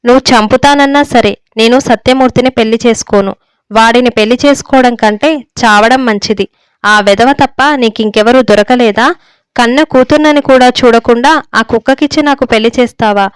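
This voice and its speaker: In a storybook reading, a woman voices a young daughter who is earnest and holds her ground. Her voice sits a little high and stays smooth and clear, and the recording is dry and close. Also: brisk, no echo, close to an everyday voice. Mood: pleading. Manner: pleading, then firm and defiant.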